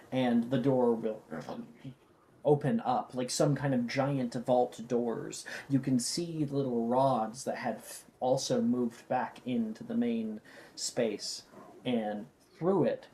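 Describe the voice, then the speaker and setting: A game master narrating a tabletop fantasy game, describing scenes in a halting, improvised way. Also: mid-range voice, mellow.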